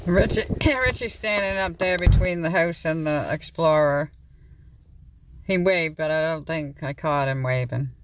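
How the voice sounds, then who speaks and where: A woman's voice: low voice, measured pace, background noise. Chatty older Canadian woman vlogging. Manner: chatty, talks to her cat and viewers. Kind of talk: casual everyday vlog. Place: home indoors, then outdoors in snow and in a vehicle. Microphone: handheld phone.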